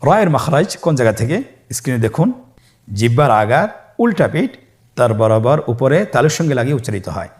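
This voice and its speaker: A man teaching Quran reading letter by letter in a recorded lesson, calm and patient, stretching each letter sound and asking listeners to repeat after him. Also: medium pitch, fast talker. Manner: calm, patient, with frequent pious interjections.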